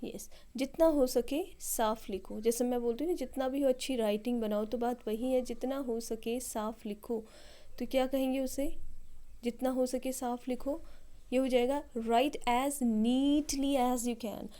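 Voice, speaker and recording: Indian woman teaching slow English phrases. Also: high voice, warm tone. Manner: slow, deliberate English example sentences between quick explanations. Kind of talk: bilingual language lesson.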